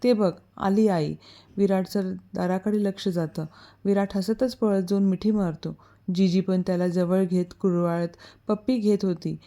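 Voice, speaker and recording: A woman narrating a romantic story in a calm, even reading. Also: mid-range voice, normal speed.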